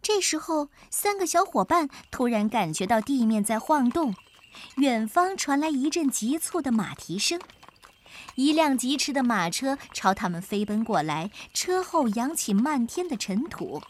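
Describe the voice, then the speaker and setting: A woman narrating a children's story in an expressive, animated way. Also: high voice, unhurried, a little hiss or hum.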